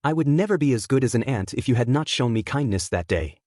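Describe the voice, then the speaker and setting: A devoted young woman, affectionate and tender with her lover, as a man reads her in a storybook. Her lines swing through a lively range in a dry, close recording. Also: mid-range voice, quick pace, no room sound, close to an everyday voice.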